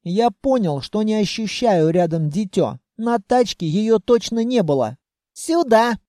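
A man's voice: high voice, animated, unhurried, dark tone, no echo, studio quality. A man narrating a first-person fantasy audiobook in a wry, ironic manner.

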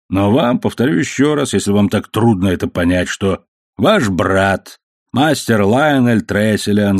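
Audiobook role: man reading a smooth-talking, scheming sea captain, lowish pitch, dry recording. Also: no echo. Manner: smooth and bargaining. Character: sly good-natured middle-aged ship captain.

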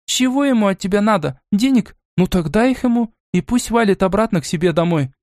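A man voicing a haughty, spoiled young noble girl in an audiobook, with a shrill, scornful and demanding voice. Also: expressive, fairly quick, no room sound, studio quality.

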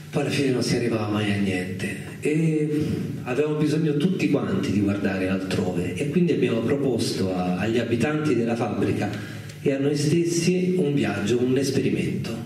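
A man with a medium-pitched, slightly mellow voice gives an informal, unscripted talk as a guest documentary filmmaker, hesitant and reflective as he searches for words. He is at an indoor live radio event, recorded with a distant mic in an echoey room with faint noise.

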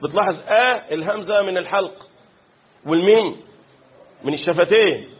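Quick, high-voiced Egyptian Arabic teacher. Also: male voice, slightly rough. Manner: quizzes students with rhetorical questions; recites verses in a chanted style. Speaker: Quran teacher. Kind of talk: Quran commentary lesson. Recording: phone-like lo-fi recording.

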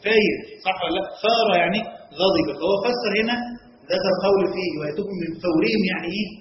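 Egyptian male teacher, brisk questioning delivery in a long-reverb room. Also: sits high, background noise. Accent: Egyptian Arabic. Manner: quizzes students, frequent check-in questions. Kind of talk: classroom lesson. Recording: echoey hall, dull lo-fi sound.

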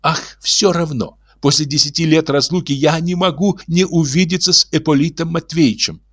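A man's voice: mid-range voice, animated, normal speed, sharp tone, husky, no room sound, studio quality. A man voicing an anxious, emotional middle-aged woman fortune-teller who pleads breathlessly. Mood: anxious pleading.

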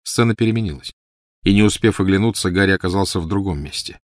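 A man reading a novel aloud in a calm, measured narration. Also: low-pitched, no room sound, studio quality. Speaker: audiobook narrator. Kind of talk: scripted narration.

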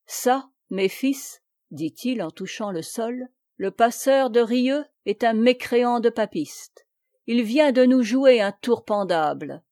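Woman voicing a haughty nobleman captain, commanding, slow and measured, mellow tone, dry sound. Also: a little high, expressive, dry recording. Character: arrogant male Huguenot captain, nobleman.

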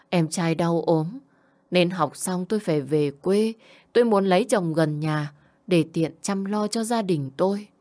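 Soft-voiced woman narrating a sad story. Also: lowish voice. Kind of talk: first-person audio story narration.

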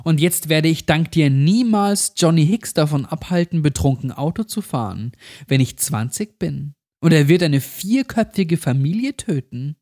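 A man's voice: fairly high pitch, expressive, moderate pace, a little mellow. A man voicing a tortured little girl in a horror story, speaking in a raised, thin voice that turns bitter and accusing. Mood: vengeful. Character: mutilated little girl, weak then enraged.

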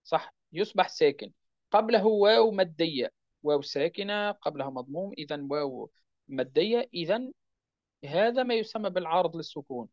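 A man teaching the rules of Quran recitation step by step, checking with his listeners and chanting the verse examples slowly. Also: high-pitched, lively intonation, no room sound. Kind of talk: religious lesson explaining recitation rules. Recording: dull, dry lo-fi recording.

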